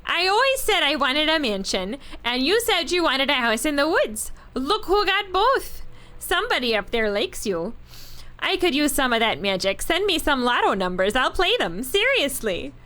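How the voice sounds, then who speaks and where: A woman's voice: high-pitched, sing-song, moderate pace, sharp tone, pitched above the performer's own voice, full character voice. A woman voicing a chatty middle-aged woman in a video game, reading her friendly letter aloud in a gossipy, sing-song way.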